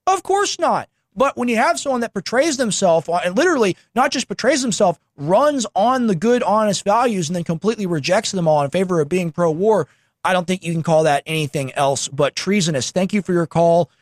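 A man with a slightly high voice hosts a political call-in show. He talks informally and emphatically, pushing his opinions, in a dry, close recording. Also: animated, a little fast, no room sound. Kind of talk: political talk show commentary.

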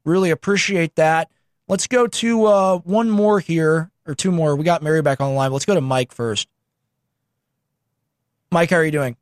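A man with a slightly high voice hosts a political call-in show. He talks informally and emphatically, pushing his opinions, in a dry, close recording. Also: moderate pace, pauses often, no room sound. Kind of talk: political talk show commentary.

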